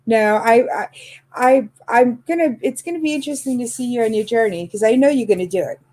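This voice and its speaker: This time the fifty-year-old channel host sounds on the high side, mellow and fairly quick. She keeps the makeup chat casual, sprinkling in lots of fillers and laughter.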